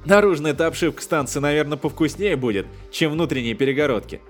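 A man reading an audiobook, voicing an excitable male space hunter who keeps exclaiming. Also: a little high, quick pace, faint music behind, lightly acted. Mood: excited.

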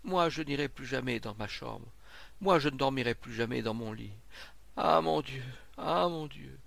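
A man's voice: mid-range voice, normal speed, vocal fry, fairly bright tone, dry recording. A man voicing a terrified villager who stammers and pleads in fear. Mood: anguished.

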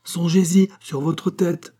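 A man's voice: a little high, flat delivery, fairly quick, warm tone, voice pushed up, natural voice. A man voicing a stern, imperious queen. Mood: commanding. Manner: solemn, threatening, absolute authority.

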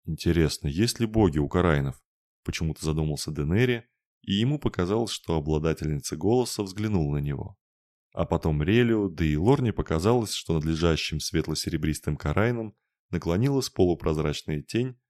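A man reading an audiobook in an even, measured way. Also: sits low, no room sound, clean studio sound. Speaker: audiobook reader. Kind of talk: audiobook narration.

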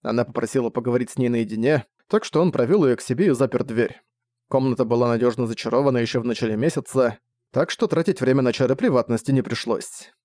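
A man's voice: mid-range voice, quick pace, dark tone, no room sound. Man narrating an audiobook in a dry voice.

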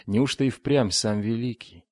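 A man voicing a bewildered young warrior mage in an audiobook, tense and questioning, slightly lower and quieter than his narration. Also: a little slow, no room sound, clean studio sound, close to an everyday voice. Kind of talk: audiobook character voice.

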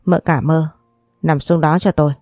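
Woman voicing an elderly grandmother, stern, scolding, low voice, dry recording, audiobook. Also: steady tone, moderate pace, darkish tone, no echo, faint music behind. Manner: scolding, authoritative.

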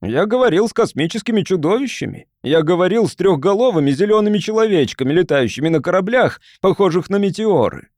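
Defiant accused man, voiced by a male narrator: forceful, indignant, pitched up, lively. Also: quick pace, few pauses, dry recording, clean studio sound. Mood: angry, defiant. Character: angry, defiant man facing a mob.

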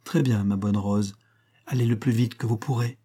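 A man's voice: lowish voice, steady tone, normal speed, dark tone, slightly rough. A man voicing a gleeful young society wife, gossipy and full of amusement. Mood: instructing. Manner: gossipy, breathless with amusement when retelling.

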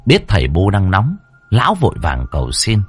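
A man telling a ghost story with dramatic, very animated pitch. His voice is husky and sits on the low side. The recording is dry and close. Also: moderate pace, dry recording, faint music behind. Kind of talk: spoken ghost story narration.

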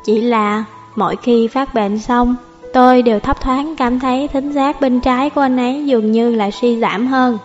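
A woman narrating a novel audiobook in a calm, even storytelling manner, over faint music. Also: a little high, moderate pace, dull audio.

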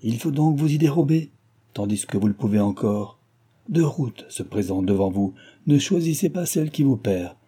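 A man's voice: mid-range voice, lively intonation, moderate pace, warm tone, slightly rough. A man reading aloud, voicing a grave older family friend who warns and admonishes.

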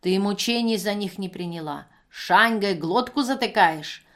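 A woman reader voicing a brazen drunk vagrant woman who shouts shrilly and wails. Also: mid-range voice, normal speed, natural voice. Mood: shrill demanding.

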